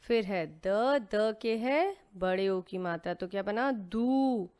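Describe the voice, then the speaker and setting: A woman's voice: medium pitch, expressive, darkish tone, clean tone. A woman teaching young children to read, patiently sounding out syllables and asking questions she then answers herself. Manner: sounds out syllables slowly, mixing in English words. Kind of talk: children's Hindi reading lesson.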